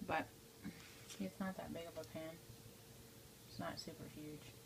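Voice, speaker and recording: A woman with a deep voice and vocal fry talks a little slowly in a steady tone. She makes amateur how-to videos and here walks viewers casually through steps at the stove in her home kitchen, often checking in with them. A handheld phone behind the camera records it, and the background is noisy.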